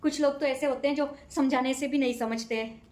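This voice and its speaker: A woman's voice: high-pitched, fairly even intonation, fairly quick, a little mellow, natural voice. A woman playing a stern, traditional middle-aged mother-in-law who scolds and lays down the household rules in a comedy skit. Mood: boastful. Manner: bossy, scolding. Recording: echoey room.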